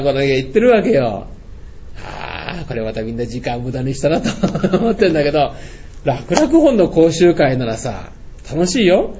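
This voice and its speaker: A man's voice: fairly high pitch, a little mellow. Older guy lecturing, blunt and scolding, voice jumps all over, dull lo-fi sound. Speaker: speaker. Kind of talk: lecture-style talk. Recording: dull lo-fi sound with faint noise.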